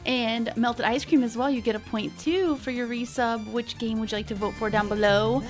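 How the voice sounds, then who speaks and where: A woman's voice: a little high, fairly even intonation, moderate pace. A woman hosting a casual livestream, greeting viewers with playful, bubbly gamer-girl chattiness. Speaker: live streamer host. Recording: music behind the voice. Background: background music.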